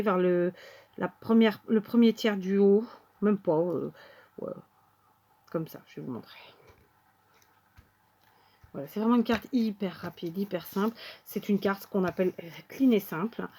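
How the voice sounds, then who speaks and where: A woman's voice: medium pitch, mellow. A woman hosting a casual card-making tutorial at her craft table, talking to viewers as she works and thinking aloud with plenty of fillers.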